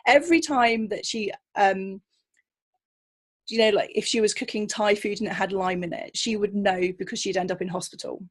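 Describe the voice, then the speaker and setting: A woman guest who works as a kinesiologist tells anecdotes in a casual interview, often acting out the voices of people she quotes. Her voice is medium-pitched with a breathy edge, at a moderate pace.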